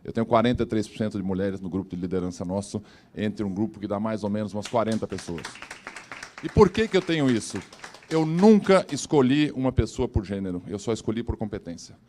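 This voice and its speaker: Fast-talking, firm business leader man. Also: fairly low pitch, animated, darkish tone, a little hiss or hum. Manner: direct, emphatic, firm. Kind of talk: corporate panel talk.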